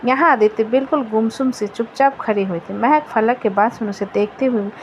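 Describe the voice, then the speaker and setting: Woman narrating a storybook, slightly high voice. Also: moderate pace. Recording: dull lo-fi with faint noise.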